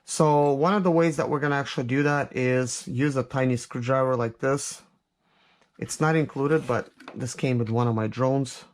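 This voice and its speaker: Unboxing a product in an office, a male reviewer and vlog host muses aloud in a hands-on, informal, hesitant manner. He speaks at a moderate pace in a steady, mid-range voice. Background noise and clicks are audible on a clear recording.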